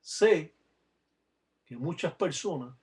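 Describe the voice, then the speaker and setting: Man, spiritual teacher on a webcam, instructive and direct, scornful at times, voice a bit high. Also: animated, slow, a little mellow. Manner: instructive, addressing viewers directly, sometimes scornful of other teachers. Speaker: Palo religious teacher. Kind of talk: religious teaching to camera.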